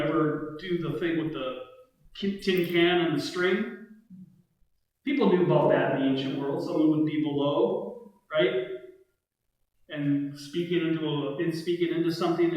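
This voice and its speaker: A man with a fairly high voice teaches a relaxed Bible study class. He talks in a loose, conversational way and keeps turning to the group for agreement. He is recorded from a distance in a church room that echoes heavily. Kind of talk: casual Bible study lecture. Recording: very echoey room, mic far off.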